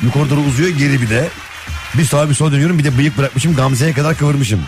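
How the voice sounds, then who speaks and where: A man's voice: mid-range voice, fast, over music. A man hosting a radio show in casual, comic banter, teasing and acting out imagined scenes.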